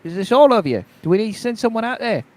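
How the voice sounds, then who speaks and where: Chatty folksy male guard, played by a man, tabletop game, pitched up, colloquial. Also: big pitch swings, fast, darkish tone. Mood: chatty, concerned.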